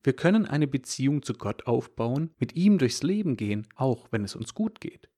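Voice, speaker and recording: A man delivering a scripted Christmas devotional, telling a story and then reflecting in a calm preaching manner. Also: medium pitch, normal speed.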